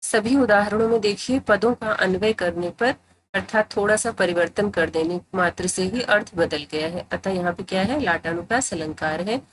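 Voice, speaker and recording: A woman's voice: medium pitch, moderate pace, a little hiss or hum, low-quality recording. Patient woman teaching grammar. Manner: patient, repeats phrases to explain. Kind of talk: explanatory tutorial.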